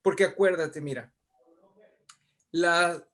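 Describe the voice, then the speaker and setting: The interview's guest, a Mexican writer and poet, has a fairly high, slightly bright voice and talks slowly. He explains at length with emphasis, keeping it conversational and frequently adding little checks to make sure the listener follows.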